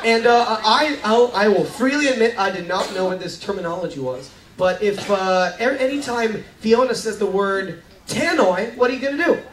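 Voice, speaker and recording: A man with a high, a bit bright voice and lively intonation informally introduces an amateur show to a live audience on a cruise ship deck, speaking at normal speed with a hesitant delivery as he prompts the crowd. The recording is echoey, from a distant mic, with faint noise.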